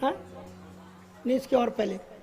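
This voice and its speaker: A man with a notably high-pitched voice preaches a devotional sermon. He explains spiritual ideas through everyday anecdotes, chuckles along the way, and sometimes slips into English phrases. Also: animated, measured pace, mellow, breathy edge, faint music behind.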